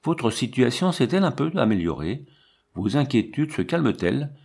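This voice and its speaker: A man's voice: fairly low pitch, normal speed. A man reading a cool, composed banker's wife. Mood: caressing. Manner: calm, dignified, quietly ironic.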